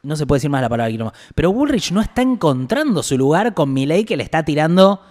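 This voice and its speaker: An Argentine man with a slightly high voice talks politics in a loose, casual chat. He sounds blunt and exasperated and swears without holding back. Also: very animated, fast talker, darkish tone. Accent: Argentine Rioplatense Spanish. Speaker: political podcast co-host.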